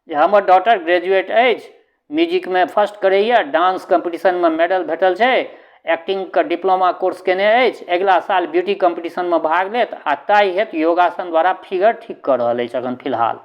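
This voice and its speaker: A man's voice: sits high, normal speed, highs cut off. A man reading a short story aloud in a conversational way, turning to the listener with little asides.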